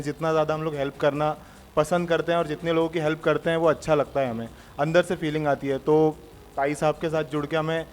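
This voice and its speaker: A man's voice: a little high, a little hiss or hum. Reassuring male blood donor. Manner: relaxed and reassuring, mixing English phrases. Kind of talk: interview answers. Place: blood donation camp.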